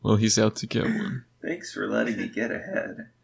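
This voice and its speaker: A man's voice: fairly low pitch, lively intonation, moderate pace, vocal fry, slightly rough. A man in his twenties co-hosting a casual chat while drawing, laid-back with dry jokes. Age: 20s. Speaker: co-host.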